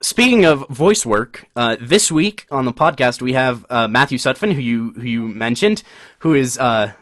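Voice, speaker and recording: A medium-pitched man co-hosts a podcast, chatting casually about acting at a moderate pace. The recording is dry and studio quality, and he rambles in a relaxed way with lots of fillers.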